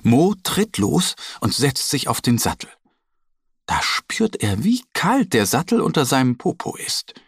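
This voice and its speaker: A man narrating a children's story in a slow, lively storytelling manner. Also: mid-range voice, husky, dry recording, studio quality.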